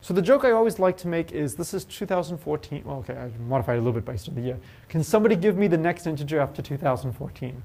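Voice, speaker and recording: A male math professor lectures at a university in a fairly high, creaky voice, talking very fast with few pauses. He stays lively in the lecture hall, questioning the class and joking with students.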